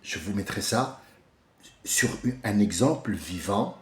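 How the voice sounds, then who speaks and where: A man giving an informal religious commentary, passionate and digressive, swinging from soft musing to loud ranting. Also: on the low side, animated, measured pace, roomy sound, a little hiss or hum. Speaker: religious speaker.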